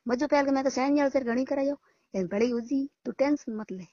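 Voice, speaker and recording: In a muffled, echoey recording of a phone call, a woman with a Rajasthani Marwari accent argues heatedly, combative and coarse, swearing as she goes. Her voice is high-pitched and warm, and she talks fairly quickly.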